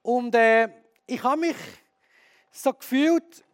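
A man preaches with a high voice for a man. He talks in a lively, candid way and keeps turning to his listeners with questions. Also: takes it slowly, slight background noise. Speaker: pastor. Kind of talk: sermon.

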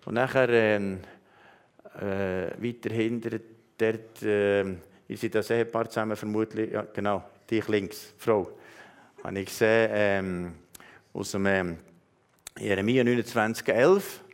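Swiss German male pastor, earnest, personal prophetic sermon delivery with halting pauses. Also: on the low side, steady tone, clear, resonant tone. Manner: earnest, addresses listeners directly, many hesitations.

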